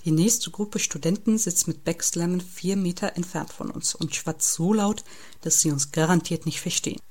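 A woman reading a novel aloud in the first person, with calm, wry storytelling. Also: lowish voice, normal speed. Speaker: audiobook narrator. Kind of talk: first-person audiobook narration.

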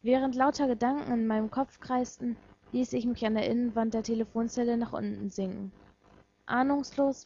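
A woman reading a first-person fan story aloud in a measured, quiet and reflective way. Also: fairly high pitch, lo-fi sound.

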